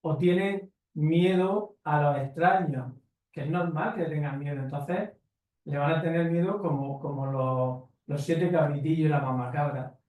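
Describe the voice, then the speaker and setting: A man's voice: a little high, measured pace, darkish tone. A man speaking on a conference panel, making his points bluntly and with rhetorical questions to the audience. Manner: emphatic, lecturing with rhetorical tags. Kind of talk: conference talk answering questions. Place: conference hall. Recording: echoey hall from far off.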